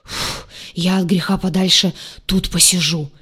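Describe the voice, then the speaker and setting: A woman's voice: fairly low pitch, steady tone, a little slow, bright, forceful tone, husky, exaggerated voice. A woman voicing a cowardly young male crocodile alien who whines and shrieks, in an audiobook. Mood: nervous. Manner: shrieking, puffing, whiny.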